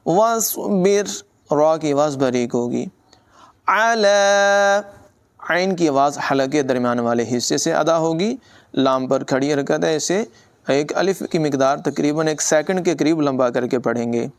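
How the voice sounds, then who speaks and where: A man teaching tajweed, giving brisk explanations between slow, drawn-out melodic recitation. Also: fairly high pitch, darkish tone.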